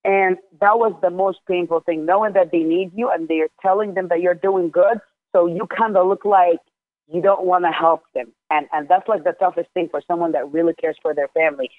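A man's voice: high voice, fairly even intonation, fairly quick, dry recording, soft background music. A man in his twenties from Jordan, a guest in a casual interview, telling his story candidly and emphatically, with frequent swearing. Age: 20s. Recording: tinny phone line.

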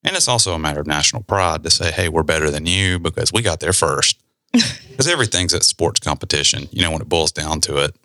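A man with a very low voice and a forceful, bright edge hosts a podcast. He explains at an easy conversational pace, slipping in casual asides. The sound is close and dry, with no room around it. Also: animated, quick pace, dry recording. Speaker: podcast host.

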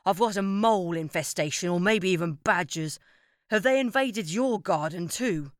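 Grumbling old man, loud and fed up, voiced by a woman reading a storybook, dry close sound. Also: on the low side, normal speed, no room sound, lightly acted. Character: grumpy old male neighbour, loud and fed up.

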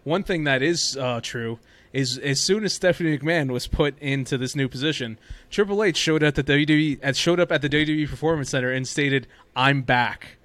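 A man's voice: fairly high pitch, fairly quick, hardly any pauses, fairly bright tone, no echo. A man hosting a podcast, casually talking through news in a rambling, conversational, storytelling way. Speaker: podcast host. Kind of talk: casual chat about wrestling news.

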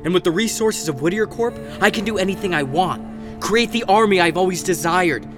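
Actor voicing evil robot villain, smug, mocking, theatrical, very animated pitch, audio drama, music behind. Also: lightly acted. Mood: smug command. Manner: mocking, theatrical, drawn-out taunts. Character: menacing gloating teenage-posing evil robot, taunting and smug.

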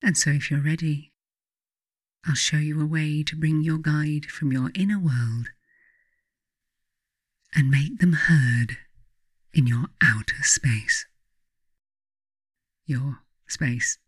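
A woman, an author reading her own book or a guided meditation narrator, speaks in a reflective, scripted way. Her voice sits low with a breathy edge, and her deliberate, measured phrasing is broken by frequent pauses. The recording is dry, with no echo and little room sound.

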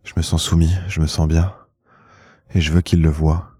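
Man, very low voice, mellow tone, slow hushed intimate narration, close dry mic. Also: level tone, husky, no echo. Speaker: podcast host and narrator. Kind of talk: intimate first-person erotic narration.

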